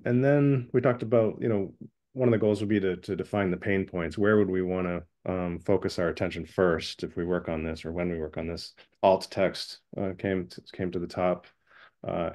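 A man reporting back from a breakout group in an online meeting, relaxed and full of fillers. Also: low-pitched. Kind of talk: meeting report-out on a video call. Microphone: video call.

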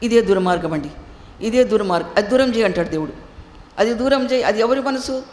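In a church hall, a woman preacher with a Telugu accent gives an emphatic sermon, repeating phrases and posing rhetorical questions to her listeners. Her fairly high, darkish voice is animated and fast. The hall is echoey with faint noise.

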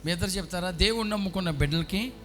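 A man, a priest, preaching a sermon to a congregation and questioning his listeners, his voice swinging between hushed and loud. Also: sits high, racing, faint music behind. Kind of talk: Telugu sermon at a healing retreat.

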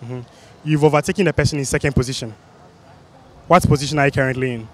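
A man's voice: mid-range voice, fast talker, slight background noise. A young man with a West African, Ghanaian accent, putting quiz questions to people as a street interviewer. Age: young adult. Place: busy outdoor spot under a city flyover. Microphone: handheld microphone.

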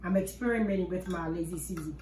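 An older woman hosts a home cooking video from her kitchen, walking through each step in a homey, easygoing way. Her voice sits fairly low and she talks fast over a noisy background. It's a casual demonstration picked up by a far camera on the counter, so the kitchen sounds roomy and distant.

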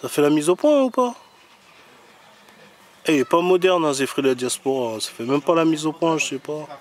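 Out in an overgrown garden, a man records video on a handheld camera mic, rambling in a slangy, teasing, mock-complaining way. His voice is on the high side with lively intonation, and he speaks at normal speed.

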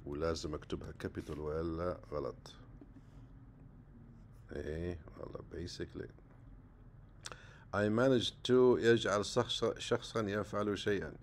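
A man runs a casual exam-prep vocabulary lesson, talking in a low, gravelly voice. He chats loosely and draws out each English word slowly. A faint hiss of noise sits under his voice. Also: steady tone. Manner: casual, chatty, jumps between Arabic and English, slow deliberate English words.

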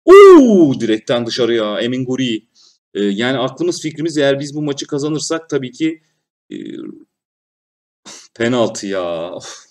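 A man narrating his football manager save in a lively, running commentary. He swings between loud cheering at goals and low, muttered frustration at errors. His voice sits a little back from the microphone. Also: moderate pace, long pauses, distant mic. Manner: excitable, shouts at goals, grumbles at mistakes. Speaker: gaming YouTuber.

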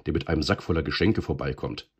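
A man voicing a calm, practical gnome mother in a storybook reading. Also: a bass voice, quick pace, slightly rough, heavily acted. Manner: soothing, gently in charge.

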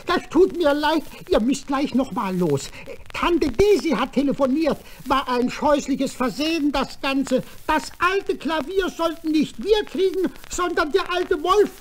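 A man playing an excitable, bossy, exclamatory uncle duck in a children's radio play. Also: very high voice, measured pace, hardly any pauses. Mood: excited, chatty. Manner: exclamatory, theatrical. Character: excitable cartoon uncle duck, adult male, bossy and gushing. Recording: old crackly vinyl record.

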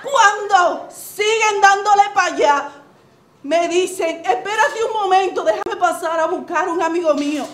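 A woman with a Dominican accent playing a loud, shameless, streetwise comic character who laughs through her story and keeps shouting "oh!" between lines. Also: very high-pitched, unhurried. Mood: boisterous. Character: brash streetwise woman, loud, shameless bus-dodging hustler. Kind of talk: stand-up comic monologue. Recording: echoey studio with background noise.

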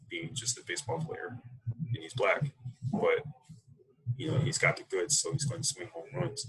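This American man's voice is very deep and gravelly, though fairly bright in tone, and the audio is poor. A coffee roaster and interview guest, he reflects in a casual way, his phrasing halting, thoughtful and unhurried. He's on a video call through a computer mic in a small indoor room.

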